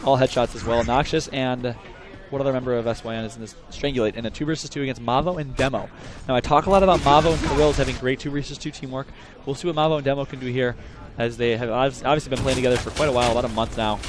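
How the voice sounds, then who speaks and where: A young man giving live play-by-play esports commentary, excitable and bursting into shouts at big plays. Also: medium pitch, very fast, music in the background.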